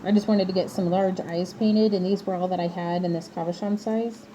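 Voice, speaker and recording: A woman's voice: lowish voice, steady tone, a little fast, dark tone, slight background noise. A woman chatting casually and playfully on a livestream while she works, her voice slightly muffled through a respirator mask. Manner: playful, giggly, teasing. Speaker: livestream host, craft maker.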